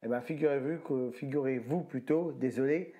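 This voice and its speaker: A man's voice: medium pitch, normal speed, warm tone. A tired man in casual talk, showing off his flea-market video game finds, rambling and often correcting himself with slang. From France. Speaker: retro game collector vlogger. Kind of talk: casual haul commentary.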